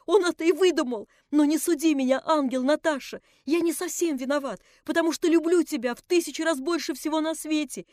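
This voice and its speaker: A woman voicing an excitable, remorseful young nobleman who pleads and gushes breathlessly. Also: high-pitched, no echo, studio quality, pitched above the performer's own voice.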